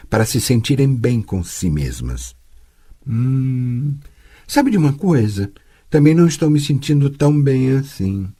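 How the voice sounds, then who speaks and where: A man voicing a patient, teasing sorceress who tutors a girl, speaking calmly and gently chiding in an audiobook. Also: lowish voice, husky, full character voice. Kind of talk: audiobook character voice.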